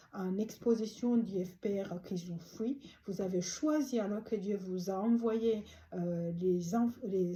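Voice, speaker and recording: A woman from Rwanda delivers a prayer and prophetic address in a very dark, mellow voice. She talks haltingly, with many pauses and fillers, yet stays earnest and pleading throughout. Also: medium pitch, slight background noise. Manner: halting, with frequent hesitations and fillers. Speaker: speaker delivering a prophetic message.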